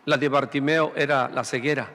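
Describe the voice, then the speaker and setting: Preaching priest in a reverberant church. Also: male voice, medium pitch, steady tone, moderate pace, fairly bright tone. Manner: preaching in rhetorical questions and repeated phrases. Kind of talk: sermon. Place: large church sanctuary.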